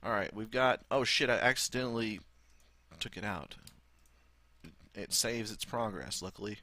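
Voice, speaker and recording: A man's voice: fairly low pitch, moderate pace, pushed and bright, dry recording. A man with a Southern US accent giving casual, rambling gameplay commentary, thinking aloud and swearing freely. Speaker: gaming video host.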